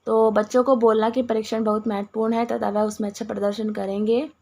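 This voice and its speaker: Hoarse woman teaching with a cough. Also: fairly high pitch, a little mellow. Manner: explains each answer with many restarts, mixes English words. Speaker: teacher going through exam questions. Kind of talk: Hindi exam-prep lesson.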